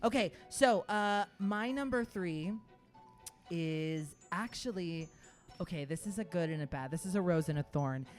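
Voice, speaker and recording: A man's voice: high-pitched, lively intonation, unhurried. Man, campy drag queen manner, gossipy casual recap banter, co-host, music in the background. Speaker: co-host reviewing a TV episode. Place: venue with a small live audience. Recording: music behind the talk.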